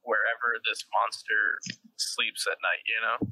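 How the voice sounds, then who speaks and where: A man's voice: fairly low pitch, little pitch movement, measured pace, pushed and bright, dry recording, poor audio. A man talking casually as a player in a tabletop game. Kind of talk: casual chat.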